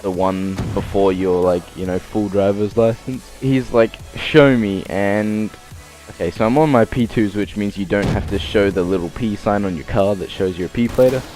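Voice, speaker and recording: A young Australian man with a fairly low voice tells a story in a loose vlog style. He swears freely and jumps into voices for the people in it. Faint music plays underneath. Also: moderate pace, dark tone. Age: young adult. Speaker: vlogger.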